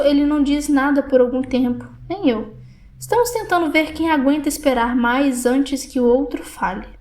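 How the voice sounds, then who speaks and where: Brazilian woman, high-pitched, measured reflective audiobook narrator. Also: darkish tone. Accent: Brazilian Portuguese. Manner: measured, reflective first-person reading.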